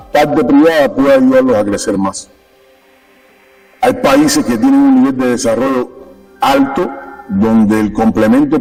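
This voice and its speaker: A man's voice: mid-range voice, darkish tone, far from the mic, rough recording. A Cuban-born man speaking as a sports official guest in a conversational interview, emphatic and repeating his key points. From Cuba.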